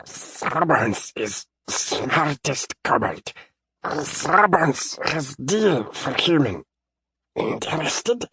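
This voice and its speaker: A man voicing a small, scheming male kobold who speaks in broken phrases and calls himself by name, in a raspy voice. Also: a little high, sing-song, extremely slow, sharp tone, no room sound, clean studio sound, voice pushed up, exaggerated voice. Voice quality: raspy, gravelly. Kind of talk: audiobook character voice.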